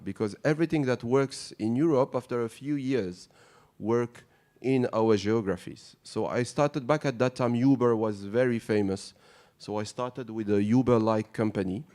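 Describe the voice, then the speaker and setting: A man's voice: mid-range voice, darkish tone. A middle-aged man, introducing himself on a conference panel with light humor and frequent fillers. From Morocco. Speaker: panelist, startup founder.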